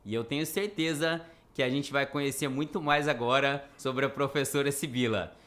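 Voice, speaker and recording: A man's voice: medium pitch, normal speed, fairly bright tone. A man hosting a podcast, formally introducing his guest and asking questions. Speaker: podcast host. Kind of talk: podcast host introduction and interview.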